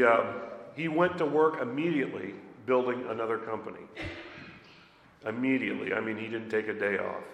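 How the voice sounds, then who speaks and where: A man's voice: mid-range voice, fairly bright tone. Male pastor, sermon, conversational, asks the congregation questions, long hall reverb. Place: church sanctuary. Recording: roomy hall echo.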